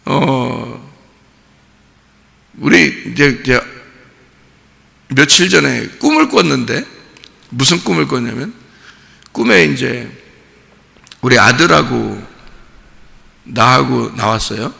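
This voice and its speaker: A man's voice: mid-range voice, expressive, slow, gravelly, pauses often, bright, forceful tone, big-room sound. A man preaching a sermon as pastor, talking to the congregation in a conversational way and asking rhetorical questions.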